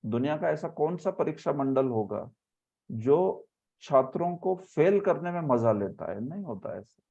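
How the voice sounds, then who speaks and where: A man leading a scripture class who explains by example and sounds out words slowly. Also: fairly high pitch, animated, creaky, warm tone, slightly rough. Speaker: spiritual teacher. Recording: muffled lo-fi audio.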